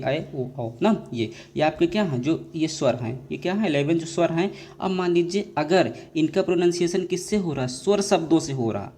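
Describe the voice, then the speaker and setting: A man's voice: medium pitch, darkish tone. A man teaching English grammar to students in a classroom lecture. He keeps asking his own questions and answering them, repeats each point, and calls the students dear children. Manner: repetitive call-and-response drilling, addresses students as dear children.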